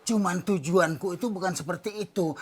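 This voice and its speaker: A jealous estranged husband in a televised crime reenactment. His slightly high voice stays defensive and placating as he tries to talk his way out. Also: fairly quick, slightly rough.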